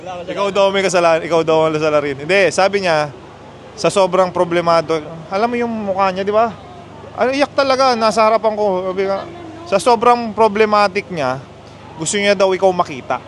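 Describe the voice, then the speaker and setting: A man hosting a casual outdoor chat, telling a story in an animated, chatty way. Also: sits high, a little fast, a little hiss or hum. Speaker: motorcycle club host.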